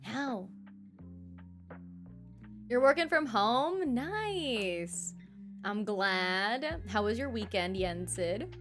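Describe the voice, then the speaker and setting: A young woman streamer in casual, animated chat, reading her live chat aloud and laughing often. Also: on the high side, slow, soft background music.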